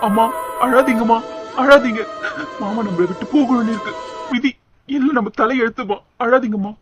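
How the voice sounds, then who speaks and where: A man's voice: very high-pitched, moderate pace, music in the background. A man voicing a scheming young village man who offers hollow comfort to grieving relatives. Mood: consoling. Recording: dull lo-fi recording.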